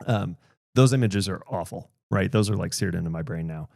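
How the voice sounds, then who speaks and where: A man's voice: deep voice, brisk, gravelly, a little mellow, dry recording, studio quality. A man in his thirties, a podcast host talking candidly in casual conversation and laughing often.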